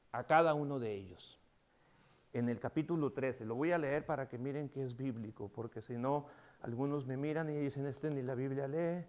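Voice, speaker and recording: A man with a Mexican Spanish accent preaching a sermon as pastor, animated, acting out dialogue with big swings from loud to soft. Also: on the high side.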